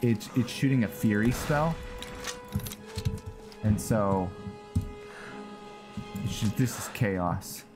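A man with a lowish voice speaks slowly and pauses often during a relaxed let's play, with game music behind him. He thinks aloud as he plays, with occasional mild exclamations.

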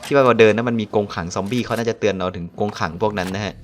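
A man's voice: fairly low pitch, fairly even intonation, racing, a little hiss or hum. A man hosting a mobile game let's-play, chatting casually, chuckling often and exclaiming when surprised. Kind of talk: casual gameplay commentary.

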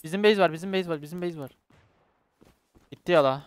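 This gaming YouTuber is a young Turkish-accented man whose voice is a little high, brisk, clear and resonant, with no echo. Commentating his shooter gameplay, he gets excited, curses, banters jokingly with teammates and pleads for subscriptions.

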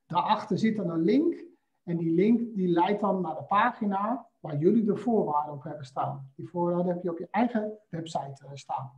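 Man, high-ish voice, walking viewers through software on screen; halting delivery, lots of "uh"s; slightly dull lo-fi audio. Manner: hesitant, frequent filler sounds. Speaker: presenter demonstrating software. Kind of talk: screen-share software walkthrough.

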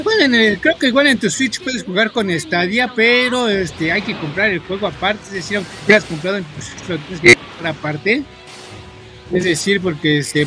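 High-voiced Mexican gamer over game music. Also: male voice. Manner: rambling, constantly filling pauses with "este"; swears at the game in bursts. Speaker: gaming streamer. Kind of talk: casual gameplay commentary to viewers. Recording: loud game music under the voice.

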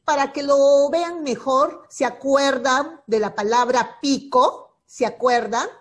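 A woman's voice: high-pitched, takes it slowly. A woman teacher giving an online lesson on a video call, patiently repeating key points and checking in constantly with her students. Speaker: secondary school teacher. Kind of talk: online class explanation.

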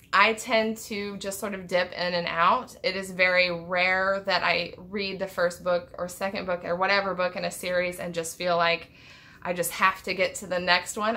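Woman in her thirties, bright voice, rambling, self-correcting, home vlog. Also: on the low side. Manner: thoughtful, rambling, restarts often. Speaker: book vlogger. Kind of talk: unscripted book tag vlog. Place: home room with packed bookshelves.

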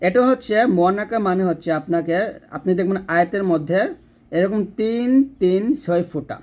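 A man's voice: high-pitched, normal speed, darkish tone. A man teaching Quran reading in a spoken lesson, patiently explaining and repeating words. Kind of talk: casual spoken lesson with slow recitation examples.

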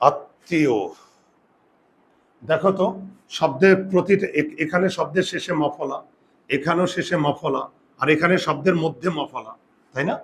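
A man's voice: fairly high pitch, a little hiss or hum. A man teaching a Bengali grammar class, explaining step by step and asking students whether they follow. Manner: drawn-out, emphatic pronunciation of example words. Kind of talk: classroom lesson.

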